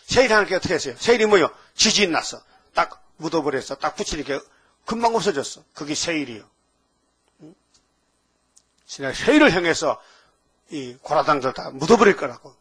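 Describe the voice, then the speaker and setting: An older male pastor delivers a sermon in a somewhat raised voice. He keeps firing rhetorical questions at his listeners and swings between low mutters and sudden loud, emphatic bursts. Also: lively intonation, brisk, long pauses, husky.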